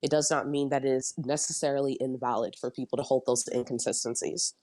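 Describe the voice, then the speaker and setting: Debater, woman, low voice, dry close mic, measured and self-correcting in a heated voice chat. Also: steady tone, mellow, dry recording. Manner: measured, corrects and rephrases herself.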